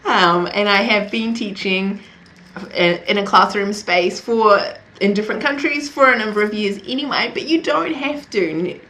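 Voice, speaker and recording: Her voice is medium in pitch, moderately paced, pushed and bright. A young New Zealander with a Kiwi accent, she chats casually to camera in a vlog, laughing a lot and poking fun at herself.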